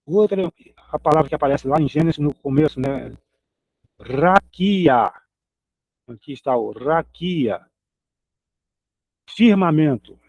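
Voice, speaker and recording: A man's voice: on the high side, vocal fry, darkish tone, no echo, muffled recording. A man teaching a recorded Hebrew grammar lesson, patiently repeating each example word.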